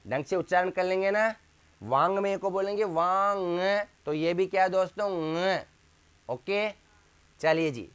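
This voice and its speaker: A man teaching a Hindi grammar class in a slightly raised voice. He speaks slowly and deliberately, sounding out each letter and often asking the class a question before answering it himself. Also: high voice, a bit bright, smooth. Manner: drills sounds slowly, asks and answers his own questions. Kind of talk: classroom lesson.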